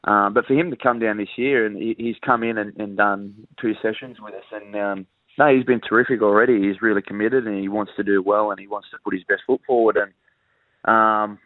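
Low-voiced Australian man on a phone line. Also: steady tone, brisk, no room sound. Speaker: rugby league player being interviewed. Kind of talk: casual interview chat. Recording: tinny narrowband phone line.

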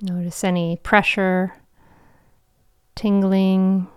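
A woman guiding a meditation in a soft, soothing, slow voice with long pauses, breathy and trailing toward a whisper. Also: mid-range voice, little pitch movement, no echo, clean studio sound. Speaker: meditation guide and show host. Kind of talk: guided meditation.

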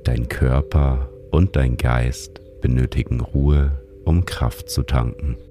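Very deep, slow male sleep meditation narrator. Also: music in the background. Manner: soothing, calm, sleep-story narrator delivery. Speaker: meditation guide and show host.

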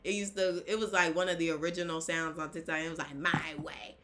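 A young American woman co-hosting a casual podcast, chatting in Gen Z slang with an animated, dramatic, mock-disgusted manner. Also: fairly low pitch, quick pace, background noise. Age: young adult. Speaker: podcast co-host.

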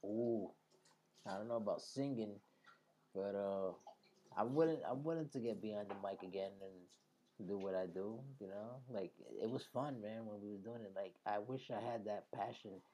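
Male show host, low mellow voice, streetwise bilingual slang, casual chat, faint noise behind. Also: moderate pace. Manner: streetwise, slangy, sprinkles in Spanish. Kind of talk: casual conversational interview talk.

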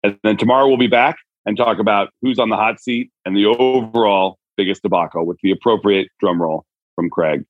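Low-voiced male podcast host on a tablet microphone. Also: brisk, no room sound, phone-quality sound. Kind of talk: conversational entertainment industry commentary. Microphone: tablet's built-in microphone, away from studio.

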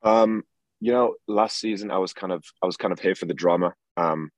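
A young man from England, a guest in a casual interview, talking in a relaxed, rambling way with lots of fillers. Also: low voice, fairly quick, no echo, low-quality recording. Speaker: guest, clothing brand founder.

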